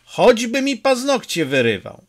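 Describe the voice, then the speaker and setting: A man's voice: very high voice, sing-song, unhurried, voice pushed up, exaggerated voice. A man doing a bellowing hot-headed village mayor. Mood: outraged. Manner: bellowing, explosive.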